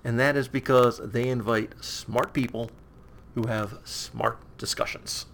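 A podcast co-host explaining things steadily, with a gravelly voice and frequent affirming murmurs. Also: medium pitch, fairly even intonation, a little slow, a bit bright. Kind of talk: casual chat.

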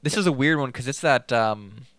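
A man's voice: mid-range voice, lively intonation, normal speed, a bit bright, dry recording, clean studio sound. A man co-hosting a casual fantasy hockey talk, giving player updates in a matter-of-fact way. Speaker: fantasy hockey podcast co-host. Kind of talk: casual chat.

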